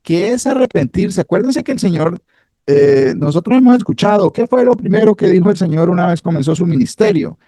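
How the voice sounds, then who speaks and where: A man's voice: high voice, expressive, a little fast, dark tone, dry recording, studio quality. A man preaching a sermon in a conversational way, often asking rhetorical questions and repeating phrases for emphasis.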